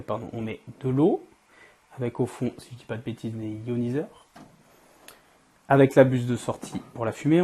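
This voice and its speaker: A man presents an equipment review in an informal, direct way. His mid-pitched voice is hoarse and raspy, strained by a cold and overuse, and sounds as if it is giving out. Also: a little mellow. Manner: informal, addresses the viewer directly. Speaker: host of an event-equipment channel. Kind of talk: product review to camera.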